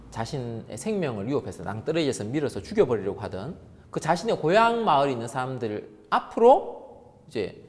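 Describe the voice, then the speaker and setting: A man preaches a sermon, his voice rising and falling widely as he acts out the people in his story. He drops to soft, quiet tones between bursts. A long reverb hangs over him in the church hall. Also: mid-range voice. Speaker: pastor. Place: church sanctuary.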